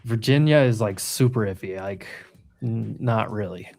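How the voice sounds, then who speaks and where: A man's voice: fairly low pitch, moderate pace, creaky, darkish tone. A man hosting a live trading stream, joking and opinionated as he teases the others. He is from New England, and faint music plays under his voice.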